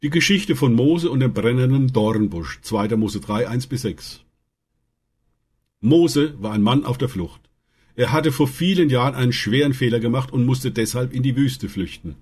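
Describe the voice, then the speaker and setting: A man narrating Bible stories in a calm, earnest way, lifting his voice for the quoted lines. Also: medium pitch, husky. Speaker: Bible storyteller. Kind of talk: scripted Bible story narration.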